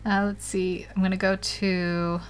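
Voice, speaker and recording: A woman's voice: mid-range voice, little pitch movement, measured pace, faint music behind. A woman chatting casually while she paints live on a tablet, laughing often and rambling with lots of fillers. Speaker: digital painting livestreamer.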